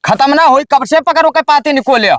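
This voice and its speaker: A man's voice: very high voice, a little fast, a bit bright. A man playing an exasperated Awadhi villager. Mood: grumbling. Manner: grumbling, scolding dialect speech. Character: exasperated young village man, overworked and scolding. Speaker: lead of a village comedy skit. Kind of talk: rustic comedy skit acting.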